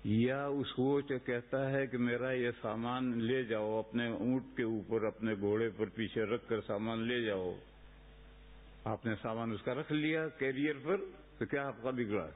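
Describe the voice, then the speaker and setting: A man's voice: medium pitch, fairly even intonation. A man preaching in a mosque in a conversational way, asking rhetorical questions and reciting Arabic sayings. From India. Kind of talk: sermon in a mosque. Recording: tinny phone-like lo-fi recording.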